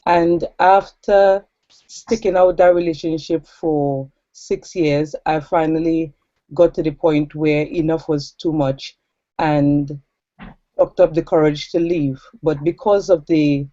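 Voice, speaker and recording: A woman's voice: deep voice, steady tone, mellow, no room sound. A woman in her forties from Trinidad, earnestly telling her personal story as an interview guest. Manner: earnest, reflective, with pauses and fillers. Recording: dull lo-fi sound.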